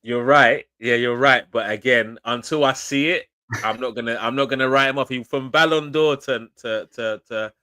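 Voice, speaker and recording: A man, a guest pundit in casual football banter, slangy and animated and laughing often. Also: medium pitch, normal speed, smooth, dry recording.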